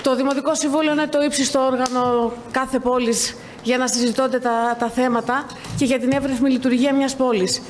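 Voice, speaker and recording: A woman council member making an earnest, measured speech at a municipal council meeting. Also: high voice, fairly even intonation, slight background noise.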